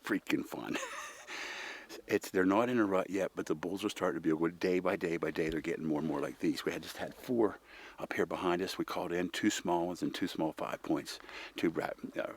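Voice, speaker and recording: Excited low-voiced bowhunter outdoors. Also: male voice, brisk, slight background noise. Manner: excited, rambling, restarts mid-sentence. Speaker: bowhunter and show host. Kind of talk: casual hunting vlog narration. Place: outdoors in brushy elk country.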